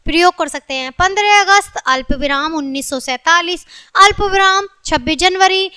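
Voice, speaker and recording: A woman gives a recorded grammar lesson for children in a bright, high voice. She keeps checking that her pupils follow, and she slows down to stress each example sentence. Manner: addresses children often, checks understanding with repeated questions. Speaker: teacher.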